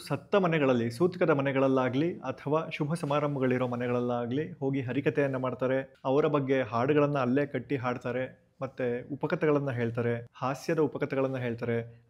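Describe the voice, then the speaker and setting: A man's voice: medium pitch, a little mellow, dull audio. A male host introducing a guest and welcoming him politely.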